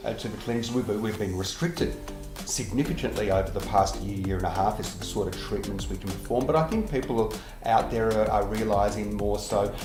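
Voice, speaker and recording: A middle-aged implant dentist answers interview questions earnestly, his lowish voice moving a little fast, and he often repeats words as he begins a sentence. The recording comes from an echoey room with music playing in the background.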